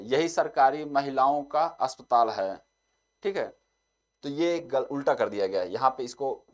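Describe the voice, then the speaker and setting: In a mid-range voice, a young man teaches an exam-prep lesson, reading each example sentence slowly. The same short filler keeps coming up in his speech.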